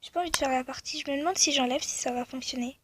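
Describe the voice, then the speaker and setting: A young woman who makes gaming videos casually comments on a game she's playing, rambling with plenty of fillers. She talks rapid-fire in a high voice, with faint background noise in the recording.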